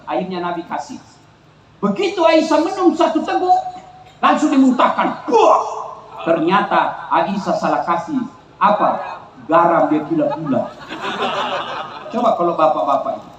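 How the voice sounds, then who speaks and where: A man with a Makassar Indonesian accent delivers a comic sermon, high-pitched for a man and teasing his listeners. His voice echoes over an outdoor square through a PA, with a faint hum behind it. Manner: comic storytelling, teasing the audience. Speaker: preacher. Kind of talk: humorous sermon to a crowd. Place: outdoor town square gathering.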